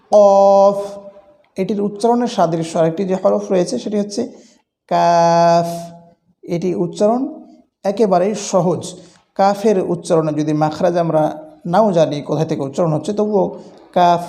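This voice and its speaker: High-voiced man teaching letter sounds. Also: creaky, mellow. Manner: slow and deliberate, drawing out letter sounds as examples. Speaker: Quran recitation teacher. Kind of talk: instructional lesson.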